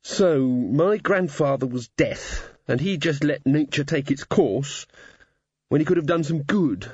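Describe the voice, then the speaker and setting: A man's voice: fairly high pitch, lively intonation, a little slow, darkish tone, husky, no echo. A man voicing an earnest, polite young woman who talks hesitantly and stammers. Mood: indignant. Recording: dull lo-fi recording.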